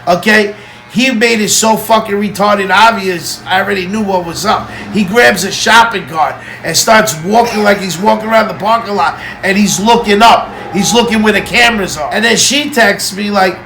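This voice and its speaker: A man's voice: high voice, normal speed, slight background noise, poor audio. A man telling a casual story-time tale, full of swearing and quoted back-and-forth dialogue. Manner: profane, lively retelling with quoted dialogue. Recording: music playing in background.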